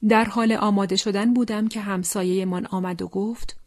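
A woman reading a wartime testimony as scripted narration, solemn and slow, often sinking into a hushed whisper. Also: medium pitch, fairly even intonation, no room sound, clean studio sound.

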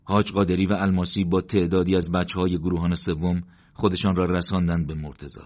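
Brief: male audiobook narrator, very low voice, steady solemn delivery, dull lo-fi recording.

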